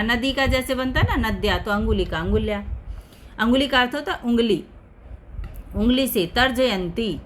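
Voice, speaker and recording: A woman's voice: on the high side, fairly bright tone, a little hiss or hum. A woman Sanskrit teacher explaining a text word by word, repeating each term and asking and answering her own questions.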